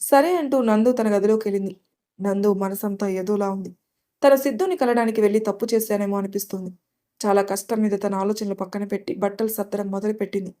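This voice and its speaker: A woman storyteller giving a calm, scripted narration of a love story. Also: mid-range voice, fast talker.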